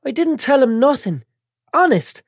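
A man voicing a bandaged young woman in a hospital bed, high and whiny. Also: big pitch swings, unhurried, slightly rough, no echo, studio quality, full character voice. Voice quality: high squeaky whine.

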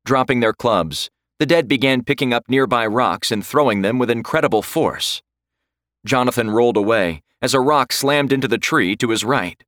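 A man reading a horror story aloud in slow, dramatic scripted narration. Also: medium pitch, fairly bright tone, no echo, clean studio sound.

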